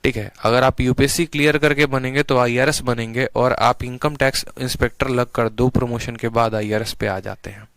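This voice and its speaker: A man's voice: mid-range voice, steady tone, moderate pace, hardly any pauses, fairly bright tone, clean tone, dry recording. A man teaching an exam-prep maths lesson online, explaining step by step and putting questions to his students before answering them himself.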